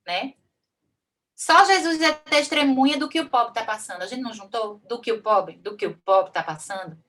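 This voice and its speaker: A woman's voice: medium pitch, sharp tone, far from the mic. A Brazilian woman teaching a workshop on folk poetry, explaining patiently and slipping in frequent "né" tags. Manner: explains patiently, recites verses slowly and rhythmically; frequent "né" tags and small restarts. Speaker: cordel poet and workshop teacher. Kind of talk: online workshop lesson.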